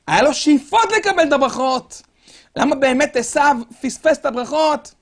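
With an extremely high-pitched voice, a man preaches a sermon as a dramatic story, asking the crowd rhetorical questions and swinging between loud calls and hushed tones.

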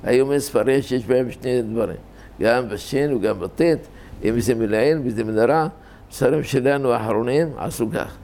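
Older male religious teacher, gravelly voice, informal and deliberate, often repeats himself and self-corrects. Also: mid-range voice, darkish tone, a little hiss or hum. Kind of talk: informal scholarly talk on scripture reading.

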